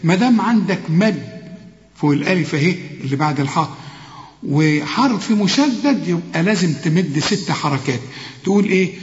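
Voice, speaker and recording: A man with an Egyptian accent teaching Quran recitation rules, switching between slow chanted verses and quick spoken explanations, putting questions to his student. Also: high-pitched, lively intonation. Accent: Egyptian Arabic. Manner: addresses the student directly with questions. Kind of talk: tajweed lesson with recitation and explanation. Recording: echoey dull lo-fi tape recording.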